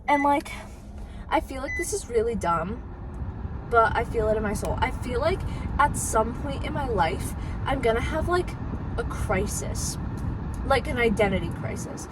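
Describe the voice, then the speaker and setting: A teenage girl with a slightly high voice rambles to her followers in a casual vlog. She swears freely and leans on "like" constantly, with a loud hum of car and road noise under her voice. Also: animated, normal speed. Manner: rambly, profane, heavy use of "like". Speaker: vlogger. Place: inside a car with the engine running.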